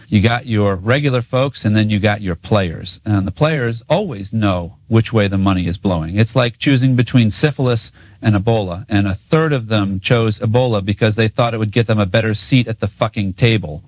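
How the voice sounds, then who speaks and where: A man's voice: fairly low pitch, moderate pace, hardly any pauses, no echo. A man co-hosting a political talk show, trading a scripted rant in sarcastic, cynical, profane street talk. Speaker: co-host.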